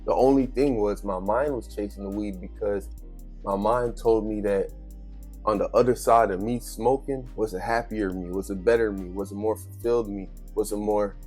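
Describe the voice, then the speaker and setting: A fairly low, darkish male voice belongs to a vlogger in his thirties who gives an unscripted motivational speech. He talks emphatically in street slang, speaks right to the listener, and repeats lines to drive them home.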